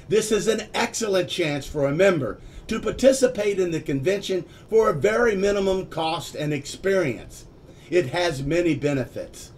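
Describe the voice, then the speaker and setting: An older man, a club vice president, enthusiastically delivers a scripted promotional dialogue over a video call from his home office. His voice sits high and is a little mellow.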